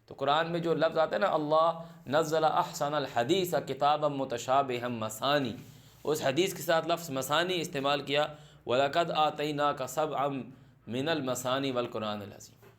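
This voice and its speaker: A man teaching a scripture lesson, reciting each verse slowly and then translating and repeating it phrase by phrase, stopping to quiz his students. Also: fairly high pitch, fairly bright tone. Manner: asks the class questions and answers them himself. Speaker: Quran teacher.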